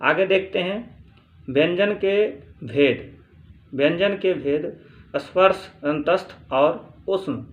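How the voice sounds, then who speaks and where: Slow, patient male teacher. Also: fairly high pitch, narrow, tinny audio. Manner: slow, explanatory, repeats and rephrases points, asks and answers own questions. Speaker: Sanskrit grammar teacher. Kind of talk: spoken lesson reading from a textbook.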